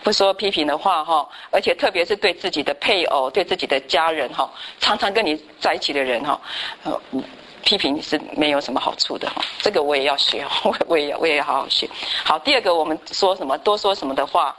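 A woman teaching a church Bible study class, telling stories and asking the class questions in a lively, chatty way. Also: low voice, fairly quick, a little hiss or hum, low-quality recording. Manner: lively storyteller, tags sentences with a chatty particle, asks the class questions.

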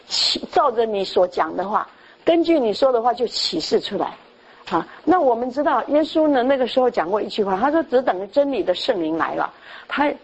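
Older woman preaching, husky voice. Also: a little high, darkish tone, highs cut off. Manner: storytelling, acts out quoted dialogue. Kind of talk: sermon.

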